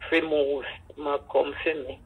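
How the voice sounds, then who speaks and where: Narrow, tinny audio carries the low, slightly rough voice of a Jamaican grandmother recounting her life. She speaks patois at a measured pace in a flat delivery, voicing the dialogue of her stories.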